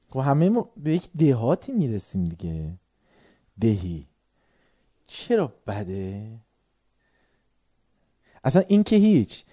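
Middle aged tehran guy giving a sermon, warm mellow voice, goes quiet then suddenly loud, keeps asking the crowd stuff. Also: medium pitch. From Tehran, Iran. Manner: questions the audience, shifts between quiet musing and sudden loud bursts. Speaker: religious lecturer. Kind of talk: sermon to a live audience.

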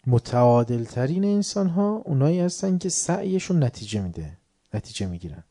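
A man giving a religious lecture, swinging between soft asides and loud, heated outbursts. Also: mid-range voice, big pitch swings. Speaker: preacher.

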